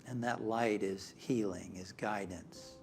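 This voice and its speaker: A man leading a spiritual guided meditation in a calm, measured manner with long pauses. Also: lowish voice. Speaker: meditation leader. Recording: music behind the voice. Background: instrumental music.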